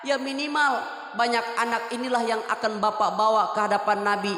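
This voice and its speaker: A man's voice: very high voice, little pitch movement, brisk, sharp tone. A young man from Lampung preaching a storytelling sermon, acting out voices and quizzing his audience. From Lampung, Indonesia. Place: religious foundation event hall. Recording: echoey hall with long reverb.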